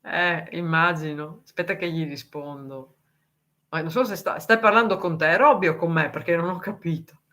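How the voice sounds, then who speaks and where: A woman's voice: on the low side, a bit bright. A woman from Italy chatting casually on a live stream, reading viewer comments, answering them and laughing often. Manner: deliberately slow, careful speech for foreign viewers.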